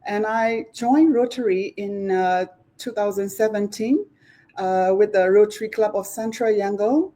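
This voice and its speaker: A woman from Myanmar with a Burmese accent gives a formal self-introduction as a panel guest on a live stream, in halting English. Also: medium pitch, warm tone. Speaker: guest, club officer.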